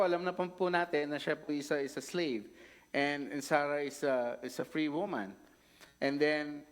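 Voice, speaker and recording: A man gives a sermon in a loose, chatty way, keeping his listeners involved with frequent questions. His voice sits a little high for a man. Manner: casual, conversational, mixing Tagalog and English, frequent tag questions. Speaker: preacher.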